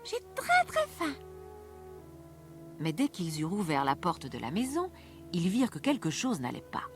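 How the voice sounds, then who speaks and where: Lively sing-song woman storyteller. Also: low voice, fairly quick, faint music behind. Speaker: narrator. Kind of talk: storybook narration for children.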